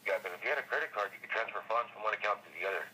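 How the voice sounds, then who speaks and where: A man's voice: fairly low pitch, racing, bright, forceful tone, slight background noise. A man working as a tow company clerk gives curt answers during a phone call, heard through a speakerphone. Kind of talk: phone conversation.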